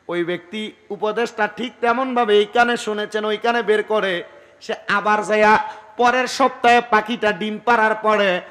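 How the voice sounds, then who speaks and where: A man's voice: sits high, a bit bright, long reverb tail. A man preaching a sermon, telling a story dramatically and acting out its voices. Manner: dramatic storyteller who acts out the voices of the tale.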